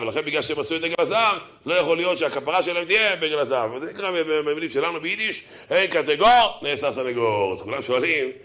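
Animated, bright-voiced male preacher. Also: medium pitch. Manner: animated, acts out quoted voices, chuckles often. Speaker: rabbi preacher. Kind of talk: lively sermon with stories.

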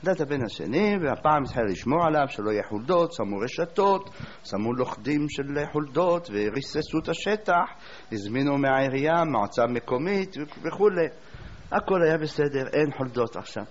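A man preaching a sermon, telling a story as a lively storyteller who asks rhetorical questions. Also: mid-range voice, a little hiss or hum. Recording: dull lo-fi recording.

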